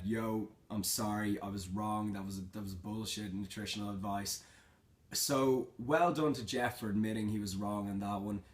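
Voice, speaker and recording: A young man in a casual Q&A vlog, reading out questions and answering them in an informal, matter-of-fact, slangy way. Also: on the low side. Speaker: fitness vlogger.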